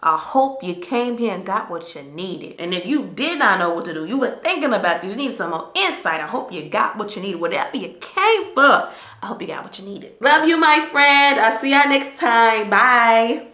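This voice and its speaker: A woman's voice: fairly high pitch, lively intonation, moderate pace, sharp tone, roomy sound. A woman in her twenties giving casual dating advice in a vlog, chatty and emphatic with sassy asides. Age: 20s. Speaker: lifestyle vlogger.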